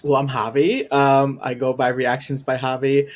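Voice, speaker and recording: A Puerto Rican man whose native language is Spanish appears as a podcast guest; he's a YouTube reactor in a casual chat interview. His mid-range voice comes out flat at a moderate pace, and he's shy and hesitant, full of ums and little laughs.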